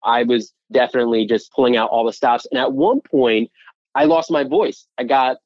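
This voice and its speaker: A man who co-owns a restaurant, telling stories in an interview in a lively way and laughing easily. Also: medium pitch, normal speed, no room sound, muffled recording. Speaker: restaurant co-owner. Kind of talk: interview storytelling.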